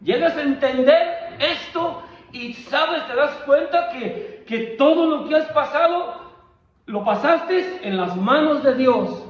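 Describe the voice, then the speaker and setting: A man delivers a fervent sermon in a notably high voice. He often restarts phrases and repeats words. The recording is echoey and dull. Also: expressive, slow pace. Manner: fervent, repetitive preaching with frequent restarts. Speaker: pastor. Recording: echoey room, dull lo-fi sound.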